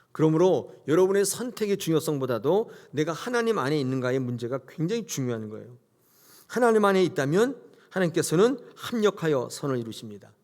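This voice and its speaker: A man's voice: fairly high pitch, a little mellow. A man preaching a Sunday sermon as pastor, emphatic, leading the congregation to repeat after him and acting out quoted characters. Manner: acts out biblical characters in quoted voices.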